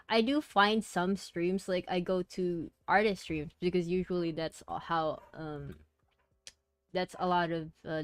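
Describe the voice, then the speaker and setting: A young woman streamer chatting casually to her viewers, rambling softly and talking her thoughts through as she goes. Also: lowish voice, no echo. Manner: rambling, soft-spoken, talks herself through thoughts. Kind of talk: casual chat.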